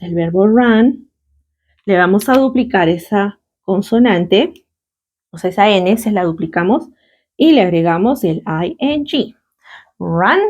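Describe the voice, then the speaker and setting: A woman's voice: medium pitch, a little mellow, lo-fi sound. Patient woman teaching English grammar. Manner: patient, repeats words slowly and checks in with "¿listo?". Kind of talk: classroom grammar lesson.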